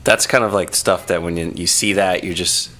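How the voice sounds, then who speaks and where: A man's voice: low-pitched, fairly even intonation, moderate pace, bright, forceful tone, faint music behind. A man chatting on a radio studio podcast, rambling and poking fun at himself. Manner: rambling, self-mocking. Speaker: podcast co-host. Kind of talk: casual chat.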